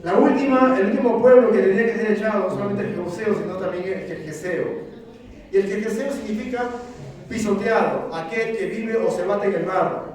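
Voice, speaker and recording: A man's voice: high voice, a little fast, darkish tone. Fervent man preaching in an echoey church. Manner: fervent, asks the congregation questions. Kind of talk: sermon. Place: church sanctuary. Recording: very echoey church, mic at a distance.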